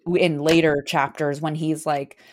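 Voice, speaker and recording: A woman's voice: low-pitched, little pitch movement, moderate pace, a little hiss or hum. A woman co-hosting a casual fan podcast, talking thoughtfully and hesitantly. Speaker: podcast co-host. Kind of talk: casual chat.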